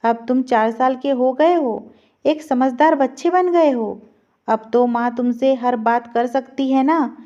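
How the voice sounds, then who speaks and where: A woman voicing a gentle, sorrowful dying mother in a read-aloud story, with a soft, pleading tone. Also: sits high, slow pace. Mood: tender. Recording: slightly dull lo-fi recording.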